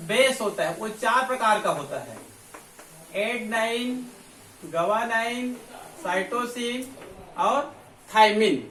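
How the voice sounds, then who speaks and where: A man's voice: very high voice, a bit bright. A man teaching biology, who keeps asking questions and answering them himself. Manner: repetitive, asks and answers own questions. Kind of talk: classroom lecture at a board. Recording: echoey room, mic far off, faint hum.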